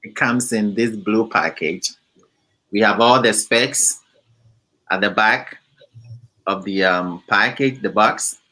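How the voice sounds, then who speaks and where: A man from Ghana, a company founder, explaining his product in an interview in a measured way, with many pauses and fillers. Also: lowish voice, pushed and bright, poor audio.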